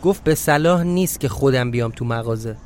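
A man's voice: medium pitch, darkish tone, a little hiss or hum. A man reading a first-person audio drama story in a confiding way, his speech breaking into flustered outbursts at tense moments. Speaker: narrator and reader.

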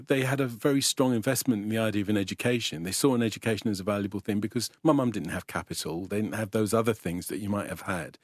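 An older man talks in a low voice, weighing each thought and restarting phrases as he goes. The sound is dry and close, with no room around it. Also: dry recording. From England. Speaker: guest professor. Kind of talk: reflective conversational interview.

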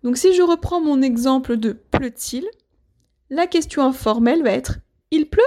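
A woman's voice: high-pitched, moderate pace, darkish tone. A woman from France teaching a language lesson, patient and explanatory, often checking in with the learners. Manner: patient, repeats words, checks with "ok?". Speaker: French teacher.

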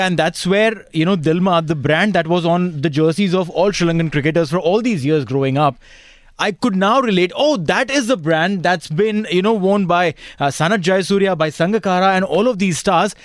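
A man's voice: high-pitched, fairly quick, dry recording, studio quality. A man with an Indian accent co-hosting a radio show in conversational, anecdotal style. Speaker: radio co-host.

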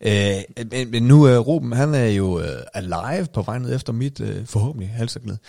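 A man co-hosting a podcast, chatting casually and telling a comic story with rising excitement. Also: medium pitch, vocal fry. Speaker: podcast co-host.

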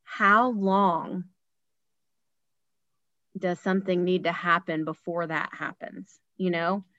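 A woman's voice: lowish voice, little pitch movement, slow pace, a bit bright, no echo. Woman host, emphatic, rhetorical, dull dry recording. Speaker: podcast host. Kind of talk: casual conversation.

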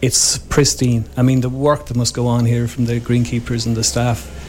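A man's voice: mid-range voice, flat delivery, moderate pace, a little mellow, a little hiss or hum. An Irish man giving informal commentary as a sports editor in a live radio interview.

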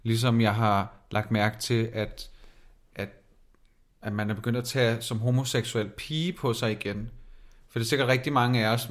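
A man in casual podcast chat, co-hosting in a playful, teasing way. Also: medium pitch. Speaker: podcast co-host.

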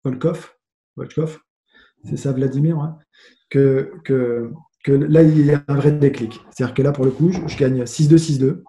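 A man with a very dark, mellow voice tells his story in a relaxed, animated way, full of restarts and swearing. The room around him is echoey, the sound of a remote call. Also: medium pitch, moderate pace. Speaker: guest, former tennis player. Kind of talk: casual storytelling. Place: home with noise nearby. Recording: roomy echo.

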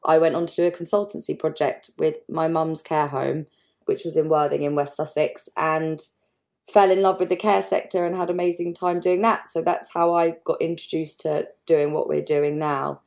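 A woman in her twenties, a startup founder introducing herself on a podcast in a measured way. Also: low-pitched, fairly even intonation, gravelly, a little mellow. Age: 20s.

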